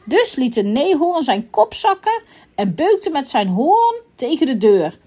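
A woman reading a children's story aloud in a playful, expressive way. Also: sits high, a little slow.

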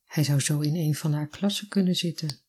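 Husky, calm storybook narrator. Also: medium pitch, brisk. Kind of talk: scripted narration of a literary story.

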